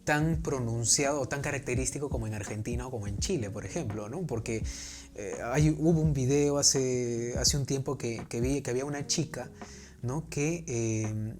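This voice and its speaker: Hesitant Peruvian interview host. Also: male voice, mid-range voice, moderate pace, a little mellow, soft background music. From Peru. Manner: hesitant, many fillers and restarts while asking. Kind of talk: interview questions.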